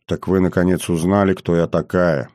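A man's voice: low voice, level tone, normal speed, a little mellow, no room sound, clean studio sound, close to an everyday voice. A man voicing a shy, anxious young grand duchess in an audiobook, speaking timidly and pleadingly. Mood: timid, surprised. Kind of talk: audiobook character reading.

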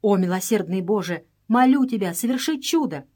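A woman's voice: mid-range voice, expressive, normal speed, darkish tone, natural voice. A woman voicing an impulsive, grieving young Englishman who speaks in urgent exclamations in a read-aloud story.

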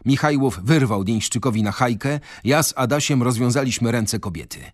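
A man reading a novel aloud for radio in a measured, dramatic narration. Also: medium pitch, no room sound, clean studio sound. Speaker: reader.

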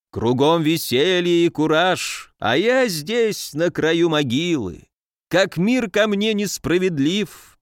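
A man voicing a drunken, mocking male night watchman who bawls songs hoarsely. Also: mid-range voice, no echo, clean studio sound. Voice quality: hoarse bawling when singing.

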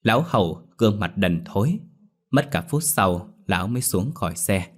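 A man narrating a ghost story in a lively, expressive storybook manner. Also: lowish voice, normal speed.

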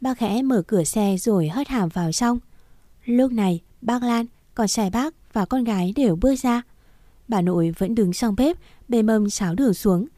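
Woman reading a family story, mellow and dry. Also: a little high, moderate pace, dry recording. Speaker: narrator. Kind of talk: storybook narration.

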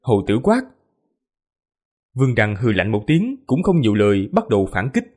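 Husky male fantasy audiobook narrator. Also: fairly low pitch, sing-song, normal speed, a little mellow. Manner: vivid, emphatic storytelling. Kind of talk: dramatic fantasy novel narration.

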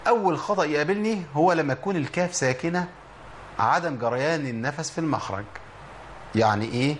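An Egyptian man gives a Quran pronunciation lesson in a slightly high voice. He stretches and repeats example words to drill each sound. Faint noise sits under the recording. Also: fast talker. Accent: Egyptian Arabic. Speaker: Quran recitation teacher. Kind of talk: Egyptian Arabic tajweed lesson.

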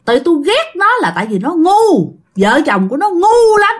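A woman's voice: on the high side, big pitch swings, a little fast. A woman voicing a spiteful female ghost who haunts a staircase, scolding with contempt. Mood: scornful.

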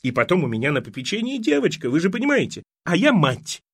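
A man voicing a fussy, scatterbrained elderly mother in an audiobook, talking in a high, rambling, emphatic way. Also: huge pitch swings, fast talker, a bit bright, husky, dry recording, clean studio sound, full character voice. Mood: fussing. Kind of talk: audiobook character voice.

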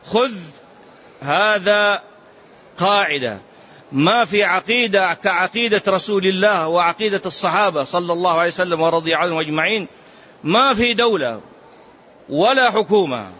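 A man's voice: high voice, expressive, normal speed, pauses often, sharp tone. A man teaching as a sheikh in a religious lesson, speaking with passion and firing off rhetorical questions. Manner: impassioned, fires rhetorical questions. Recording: muffled lo-fi lecture recording.

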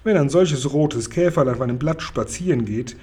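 A man's voice: mid-range voice, moderate pace, dark tone, breathy edge, lightly acted. A man playing a proud, friendly giant. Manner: whimsical, playing with made-up words.

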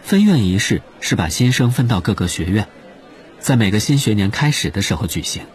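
Casting: male storyteller, deepish animated voice, expressive scripted audiobook narration. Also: a little fast.

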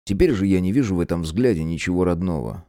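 A man narrating an audiobook in the first person, wry and expressive. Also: deep voice, fast talker, no echo, studio quality.

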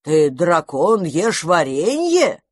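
A woman voicing a cheeky, greedy female magpie who taunts in a sly, drawn-out way. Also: lowish voice, very animated, dry recording. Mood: scornful.

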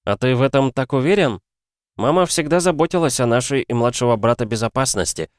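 A man's voice: mid-range voice, fairly quick, no echo, studio quality, pitched above the performer's own voice, close to an everyday voice. A man voicing a defiant, accusing young son. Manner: accusing, raised and intense. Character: defiant young adult son confronting his father.

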